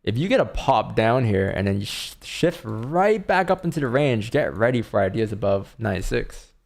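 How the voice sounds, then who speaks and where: A man's voice: medium pitch, big pitch swings, moderate pace, vocal fry. A man giving casual live commentary as a stream host, rambling informally and thinking aloud.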